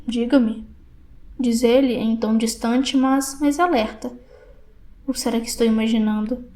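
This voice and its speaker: Brazilian woman, high-pitched, measured reflective audiobook narrator. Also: fairly even intonation, warm tone. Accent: Brazilian Portuguese. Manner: measured, reflective first-person reading.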